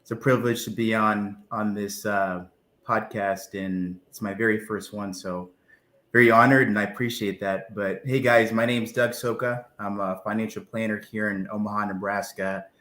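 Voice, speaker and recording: A man in his twenties, originally from Zimbabwe, answering interview questions in a relaxed, friendly way with frequent fillers. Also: fairly low pitch, normal speed, reverberant. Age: 20s. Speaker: guest, financial planner.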